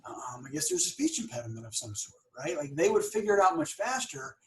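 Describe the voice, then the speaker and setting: Speaking fairly quickly with big swings in his fairly high pitch, a middle-aged podcast host interviews a guest conversationally. He is a dentist and practice owner, and his earnest delivery includes occasional stammers and repeated words.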